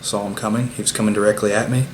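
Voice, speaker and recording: A man hosting a casual hunting vlog, recapping the day at home in a relaxed, unhurried way with plenty of "uh" fillers. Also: fairly low pitch. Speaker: bowhunter and channel host. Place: at home after the hunt. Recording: steady background noise.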